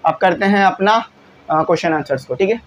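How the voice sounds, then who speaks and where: A man's voice: high voice, animated, fairly quick. A male teacher, patiently explaining exam answers in a classroom lesson and often checking in with his students. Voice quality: glasses wearer.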